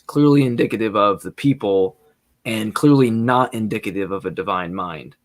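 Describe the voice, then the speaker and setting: A man co-hosting a casual podcast, reasoning out loud with hesitant restarts. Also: lowish voice, normal speed. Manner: thinks aloud, hesitant, many restarts and fillers. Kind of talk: casual debate podcast chat.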